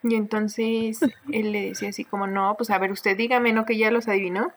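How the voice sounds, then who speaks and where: A woman's voice: mid-range voice, level tone, brisk. A young woman with a Mexican accent, casually telling a strange story as a podcast co-host, laughing often and using slang. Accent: Mexican Spanish.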